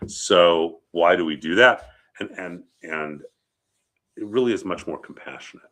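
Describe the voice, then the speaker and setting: A little slow and a bit bright, a low-pitched man lectures informally as a rabbi on funeral customs. He has a head cold, sniffles a little, and often checks in with short questions.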